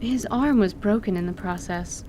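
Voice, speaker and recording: In an audio drama based on a tabletop campaign, a woman voices a courteous, learned half-elf, speaking formally and articulately in a composed, instructive mood. Her medium-pitched voice is mellow and lightly acted, at normal speed, with a little hiss or hum.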